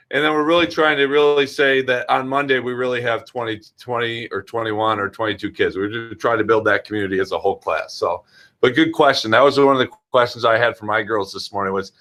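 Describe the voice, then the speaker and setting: A man's voice: mid-range voice, bright, forceful tone. An American man hosting an informal question-and-answer orientation as a school administrator, speaking directly to parents and children. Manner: addresses parents and children directly, checks in with frequent "all right".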